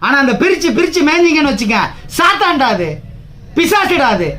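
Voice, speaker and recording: A man's voice: very high-pitched, sing-song, brisk, pushed and bright. A man from Tamil Nadu leading a trade union, giving a combative, taunting political speech full of rhetorical challenges.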